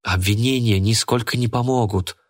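A calm, steady grown man in a spoken storybook speaks quietly but will not back down, as a man reads him. His tone stays level and low. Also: normal speed, no room sound, clean studio sound, close to an everyday voice. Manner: quiet and insistent.

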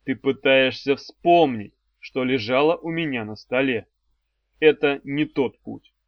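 A man's voice: medium pitch, unhurried, no room sound, lightly acted. A man voicing a sardonic demon swordsman. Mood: commanding. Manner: mocking, commanding, dry threats. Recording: dry, slightly dull audio.

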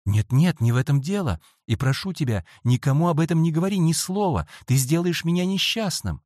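A man's voice: a little high, expressive, moderate pace, a little mellow, dry recording, pitched above the performer's own voice. A man voicing a frightened, pleading schoolboy who bursts out anxiously, on a dry close audiobook recording. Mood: desperate. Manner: pleading, tense outbursts.

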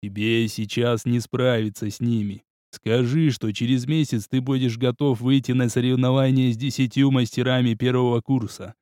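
A man voicing an unseen, deep-voiced male spirit who calmly advises the hero. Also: no room sound, clean studio sound, lightly acted. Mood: calm, instructive. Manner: slow, calm, instructive.

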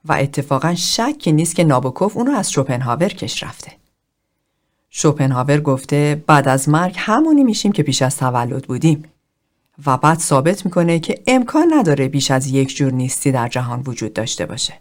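A woman's voice: low-pitched, sing-song, a little mellow. A woman reading a cool, lecturing man. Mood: detached. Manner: measured, lecturing recital. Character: cool erudite man quoting philosophy.

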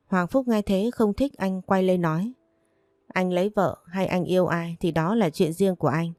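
A woman reads a romance story aloud, taking every part in the same even voice. Her tone is low and mellow, and the recording is dry and close. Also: no room sound. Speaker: audiobook narrator. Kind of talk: scripted narration of a romance story.

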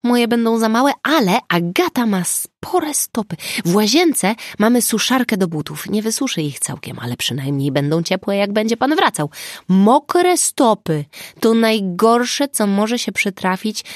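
A woman reading an audiobook, voicing an anxious young woman who fusses quickly over a soaked guest and barely waits for answers. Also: mid-range voice, animated, no echo, clean studio sound, pitched above the performer's own voice, close to an everyday voice. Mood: fussing. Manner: rapid, fussing, barely waiting for answers.

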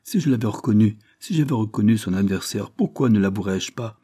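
Un homme incarne une jeune noble effrayée qui supplie et pleure, dans la lecture d'un roman. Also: male voice, on the low side, expressive, a little fast, mellow, slightly rough, dry recording, clean studio sound. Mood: distraught, pleading. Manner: tearful, trembling pleading. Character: frightened young noblewoman, tearful and pleading. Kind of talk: audiobook character reading.

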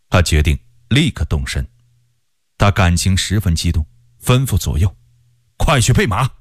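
A man narrating a historical story for radio in an expressive, unhurried way. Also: low-pitched, no room sound, clean studio sound. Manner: expressive and unhurried, with wide swings of voice. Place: radio studio.

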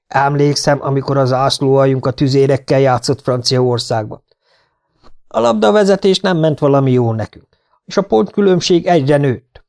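A man's voice: medium pitch, darkish tone, lightly acted. A man voicing a big, hearty, boastful older sports fan who tells story after story. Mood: boasting. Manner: boastful, eager.

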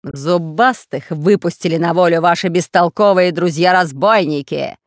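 A woman voicing a menacing male lord of plants, a mad gardener villain in a children's audiobook, speaking slowly and threateningly. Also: low voice, fairly bright tone, smooth, no room sound, studio quality, full character voice. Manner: slow and threatening.

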